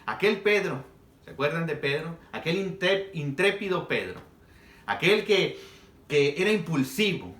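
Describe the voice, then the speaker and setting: Preacher man, high and lively delivery, dramatic storyteller, echoey room. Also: a little slow. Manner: dramatic storytelling, acting out quoted dialogue. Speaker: pastor. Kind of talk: sermon.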